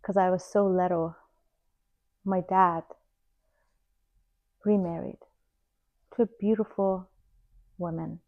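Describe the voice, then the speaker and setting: A woman in her forties from Iran, slowly and earnestly telling her life story to the camera. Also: fairly low pitch, fairly even intonation. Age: 40s. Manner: slow, reflective, heartfelt. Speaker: vlogger. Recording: slightly dull lo-fi sound.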